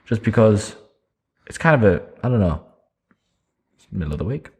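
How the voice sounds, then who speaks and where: Podcast co-host: young man, deep voice, cheeky and teasing. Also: very animated, normal speed, breathy edge. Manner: teasing, playful banter. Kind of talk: casual chat.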